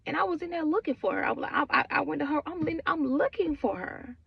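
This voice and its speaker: A woman's voice: sits high, lively intonation, quick pace, creaky, no echo, lo-fi sound. A woman in her twenties telling her own grief story in a raw, conversational way, repeating herself and filling with "like". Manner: raw, repetitive, conversational with many "like" fillers. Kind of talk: emotional personal storytelling.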